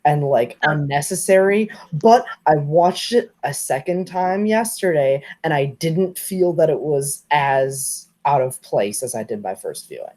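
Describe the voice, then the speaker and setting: A man's voice: fairly high pitch, measured pace, hardly any pauses, darkish tone. A man guest in casual podcast chat, speaking hesitantly as he rethinks his view.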